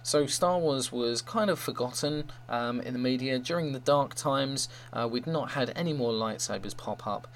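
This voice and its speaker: A man's voice: medium pitch, moderate pace, few pauses. Male fan show host over a faint hum. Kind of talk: informal review and report.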